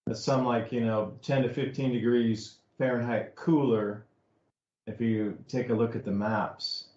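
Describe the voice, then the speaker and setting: A man's voice: medium pitch, steady tone, measured pace, darkish tone. A man co-hosting a podcast, explaining things in a loose, talkative way with many fillers. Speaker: podcast co-host. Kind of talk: casual commentary. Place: home studio in East Tennessee. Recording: roomy, slightly muffled audio.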